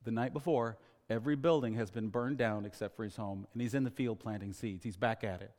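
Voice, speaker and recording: A man preaching a sermon in a church sanctuary, telling stories and swelling to loud, emphatic phrases. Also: lowish voice, fairly even intonation, fairly quick. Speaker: pastor. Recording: long church reverb.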